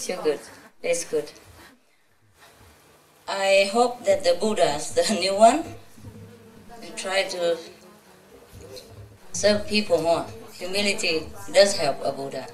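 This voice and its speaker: A woman's voice: on the low side, slow pace, pauses often. A woman spiritual teacher giving an informal, chatty talk to a gathering, teasing and laughing often. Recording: roomy, from a distance.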